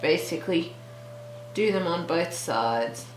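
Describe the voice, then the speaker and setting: Low-voiced woman chatting through a colouring tutorial. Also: animated, takes it slowly, a little hiss or hum. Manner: chatty, thinks aloud, trailing restarts. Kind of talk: relaxed real-time art tutorial chat. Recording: roomy echo with faint background music.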